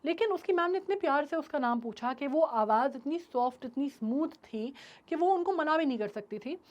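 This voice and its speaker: Female English tutor; high, friendly explainer who checks in often. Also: expressive, normal speed, lo-fi sound. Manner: retells in a mix of Hindi and English, checks in with "right?". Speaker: English teacher. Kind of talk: explaining a story in a recorded class.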